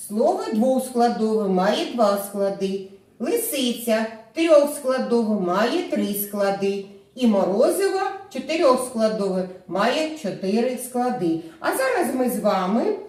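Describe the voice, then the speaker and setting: A woman kindergarten teacher with a Ukrainian accent, giving a recorded literacy lesson and speaking clearly, syllable by syllable, for preschoolers. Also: on the high side, a little mellow. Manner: slow, clear syllable-by-syllable speech for children. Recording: very echoey room, voice from far off.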